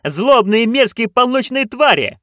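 A man voicing a group of nervous male actors cast as witches, answering in high shouted chorus in an audiobook. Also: sing-song, normal speed, no echo, clean studio sound. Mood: shouting. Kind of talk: audiobook narration.

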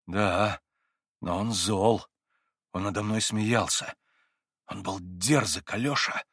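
A man voicing a feverish, tormented young man in an audiobook, husky and agitated, rising into anguished outbursts. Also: fairly low pitch, slow, fairly bright tone, no room sound, clean studio sound, exaggerated voice. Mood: bitter. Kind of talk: audiobook character reading.

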